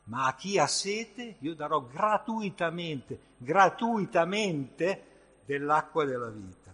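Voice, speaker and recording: A man preaching a sermon in a slow, emphatic way, with sudden surges in loudness and a husky voice. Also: fairly high pitch, animated. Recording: long hall reverb.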